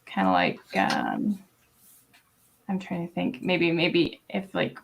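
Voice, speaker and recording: A woman's voice: fairly low pitch, wildly swooping pitch, slow, creaky. A young woman streaming while she draws, chatting casually and thinking aloud with lots of fillers. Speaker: streamer and artist. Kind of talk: casual live-stream chat while drawing.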